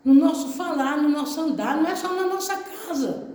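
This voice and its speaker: A woman pastor from Brazil preaches to her congregation in a high voice. She repeats her phrases for emphasis and calls out for an amen. The church hall around her is heavily echoey. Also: normal speed, mellow. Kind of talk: sermon. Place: church service.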